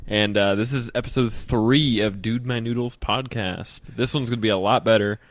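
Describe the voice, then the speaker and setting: A man's voice: fairly low pitch, normal speed, no echo. A young man co-hosting a podcast, chatting loosely and swearing casually. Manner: loose, swearing, laid-back banter. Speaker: podcast co-host. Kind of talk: casual chat.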